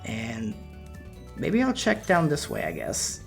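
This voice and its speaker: A man's voice: mid-range voice, slow, vocal fry, soft background music. Easygoing man narrating his gameplay. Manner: relaxed, chatty, laughs at his own mistakes. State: voice wearing out. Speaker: let's play gamer. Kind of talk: casual gameplay commentary.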